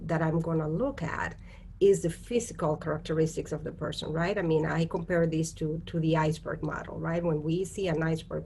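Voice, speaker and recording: A Costa Rican woman joins a virtual panel as a guest over a video call, explaining things earnestly in a conversational way and often checking in with "right?". Her voice is lowish and a little mellow, with a little hiss or hum in the audio.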